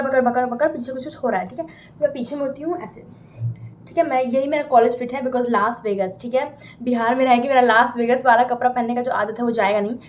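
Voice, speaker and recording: A woman's voice: on the high side, a little mellow, slight background noise. A young woman from India casually telling a made-up story, chatty and often asking "theek hai?" as she goes. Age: young adult. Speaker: vlogger telling an imagined story. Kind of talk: casual storytelling, Hindi mixed with English.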